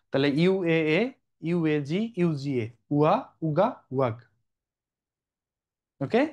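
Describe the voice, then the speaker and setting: A man's voice: on the high side, darkish tone. Chatty young male biology teacher. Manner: chatty, addresses students directly with frequent check-ins. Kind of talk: online exam-prep lecture.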